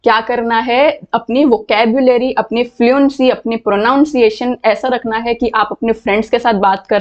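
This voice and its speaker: A woman with a fairly high voice gives an online English lesson. She explains patiently and repeats words so her students can hear how they sound. The audio is muffled and lo-fi. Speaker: English teacher. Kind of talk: online class lecture.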